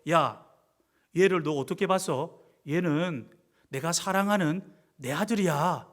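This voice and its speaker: A man's voice: a little high, unhurried, voice pushed down, close to an everyday voice. A man voicing a stern father who scolds the boys who bullied his child. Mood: scolding. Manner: scolding, blunt.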